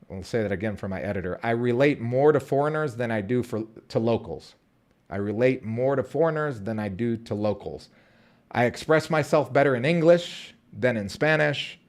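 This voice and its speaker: A darkish, mid-range voice belongs to this thirtysomething vlogger, Colombian by birth and raised in Southern California. Talking unscripted to the camera, he meanders, restarts his sentences, and fills gaps with fillers.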